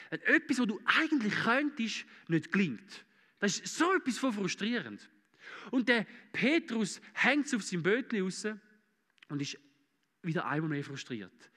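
A man in his thirties with a Swiss German accent, preaching a sermon and telling the story with lively acted-out voices. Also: high-pitched, long reverb tail. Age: 30s. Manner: animated storytelling, acting out voices.

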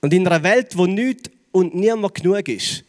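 A man with a Swiss German accent gives an earnest personal testimony to young people as a preacher. He talks haltingly and turns soft and slow on key phrases. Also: high voice. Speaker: youth preacher. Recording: long hall reverb.

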